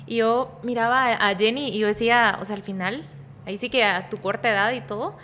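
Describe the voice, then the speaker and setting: A woman's voice: fairly high pitch, fairly even intonation, brisk, slight background noise. A woman pastor with a Guatemalan accent, talking casually on a podcast, rambling and interrupting herself, often ending phrases with little tag questions. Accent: Guatemalan Spanish. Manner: describes herself as speaking softly but energetically. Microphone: studio podcast microphone, kept at a distance.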